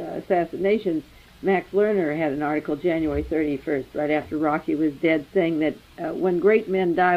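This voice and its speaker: Man musing in a lo-fi old recording. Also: a little high. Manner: rambling and speculative, with frequent fillers. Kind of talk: monologue. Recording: dull lo-fi archival recording.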